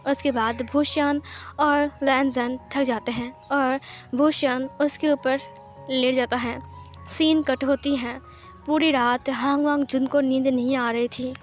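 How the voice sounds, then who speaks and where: Woman reading out a fanfic story, high voice, steady pace, soft music underneath. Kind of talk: narrating fan fiction. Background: faint music.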